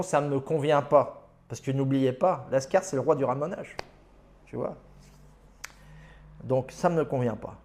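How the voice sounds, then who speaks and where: Man, gravelly voice, mid-pitched, boastful, slangy, emphatic storytelling, dating advice. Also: a little mellow. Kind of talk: casual storytelling monologue.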